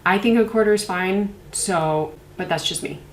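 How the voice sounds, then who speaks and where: A woman's voice: mid-range voice, moderate pace, reverberant, slight background noise, poor audio. A young woman with a congested voice from a cold, chatting casually and rambling with many fillers as she reviews skincare. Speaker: beauty reviewer. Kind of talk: casual product review vlog.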